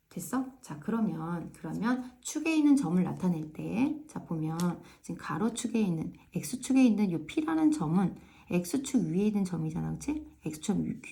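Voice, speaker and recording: Casting: woman math tutor, low-ish, very mellow tone, casual chatty lesson, keeps checking in with students. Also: gravelly. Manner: frequent tag questions checking understanding; repeats filler "ja" to pace steps. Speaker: math teacher.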